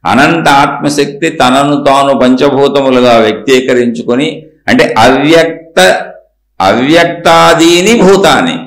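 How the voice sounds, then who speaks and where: A man's voice: mid-range voice, fairly even intonation, normal speed, roomy sound. A man giving a spiritual discourse, asking rhetorical questions and answering them himself in a repetitive, emphatic teaching cadence.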